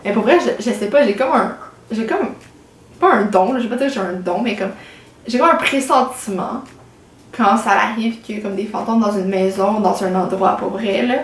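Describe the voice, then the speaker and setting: A woman's voice: mid-range voice, moderate pace. A teenage woman with a Québécois French accent chatting casually to camera as a vlogger, full of fillers and English words. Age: late teens. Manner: chatty, many fillers and anglicisms. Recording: echoey room with faint music.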